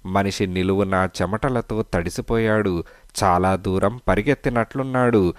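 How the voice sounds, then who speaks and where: A man narrating a folk story for an audiobook in a measured way. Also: fairly low pitch, dry recording.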